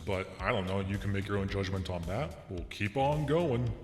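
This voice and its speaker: A man heard through a deep male pitch-shift preset, joking grandly about how he sounds. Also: animated, normal speed, darkish tone, echoey room, big-room sound, soft background music.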